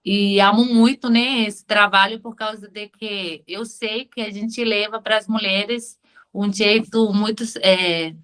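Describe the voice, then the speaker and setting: A woman's voice: medium pitch, steady tone, slow, a bit bright, smooth. Hesitant woman with a Venezuelan accent. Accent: Venezuelan Spanish. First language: Spanish. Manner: hesitant, searching for words. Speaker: beauty consultant. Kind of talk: pitching her business on a video call. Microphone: video call.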